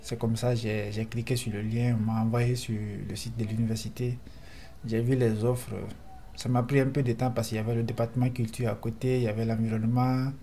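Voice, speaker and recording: A man in his thirties from Guinea tells how he came to his studies in a relaxed, anecdotal way. His voice is mellow and his intonation stays even. Soft ambience hums behind him. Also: medium pitch, fairly quick, a little hiss or hum. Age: 30s. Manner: relaxed storytelling. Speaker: master's student. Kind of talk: interview self-introduction.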